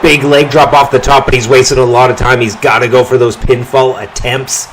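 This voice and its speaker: Excited male wrestling play-by-play commentator. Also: medium pitch, fairly quick, a little hiss or hum. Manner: excited calls that rise on big moves and pin counts.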